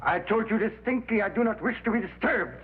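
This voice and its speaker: An actor playing a con man who poses as a temperamental hypnotist professor, with grandiose, deliberate delivery in a vintage crime drama. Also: a little high, lightly acted. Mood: indignant. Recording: tinny band-limited old TV soundtrack, humming noise.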